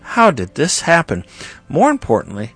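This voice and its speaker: A man's voice: medium pitch, huge pitch swings, moderate pace, a bit bright, breathy edge, faint music behind. A middle-aged man hosting a political talk show, speaking emphatically and rising to indignant outbursts. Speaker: host.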